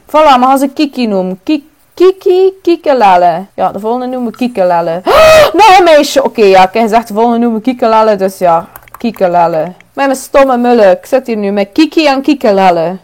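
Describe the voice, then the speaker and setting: A young woman with a Flemish accent giving chatty, excitable commentary while playing a life-sim game, exclaiming and swearing often. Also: sits high. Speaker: gaming YouTuber. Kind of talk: casual let's-play commentary.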